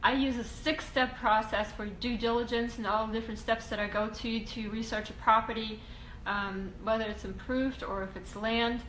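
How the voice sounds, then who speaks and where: A woman from Russia talks through viewer questions on investing in a loose, unscripted way, pausing on ums and restarting her sentences. Her voice sits a little high. The room is echoey, with a faint hiss of ambience behind her. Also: steady tone, a bit bright. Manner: halting, frequent ums and restarts. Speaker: real estate investing educator. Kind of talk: casual Q&A video talk.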